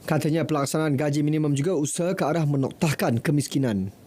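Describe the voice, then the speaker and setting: A man's voice: a little high, fast talker, a little mellow. A man reading parliamentary news in a formal studio newsreader delivery. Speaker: news presenter.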